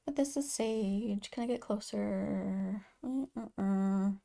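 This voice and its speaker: Slow, gravelly-voiced woman reading tarot. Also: medium pitch. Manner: soft, earnest and emotional, with many fillers and restarts. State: tearful at times. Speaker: tarot reader. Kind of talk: intuitive tarot reading to camera.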